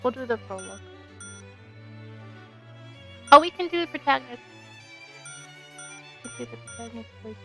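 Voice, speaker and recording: A bubbly, playful game streamer chats on a livestream and reads game narration aloud, with game music behind her. Her voice is on the high side, bright and forceful, and she talks fast and expressively.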